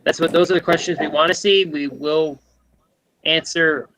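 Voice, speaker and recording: A man co-hosts a casual podcast, laying out the plan for a listener question session. His voice is higher than most men's, and its tone is bright and forceful. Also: steady tone, normal speed, low-quality recording.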